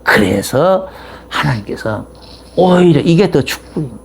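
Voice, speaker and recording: A middle-aged male pastor delivers a sermon as loose, conversational storytelling, often restarting his sentences. His voice carries a gravelly edge. His pitch leaps up and drops back down in wide, expressive swings. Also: a little slow, a little hiss or hum.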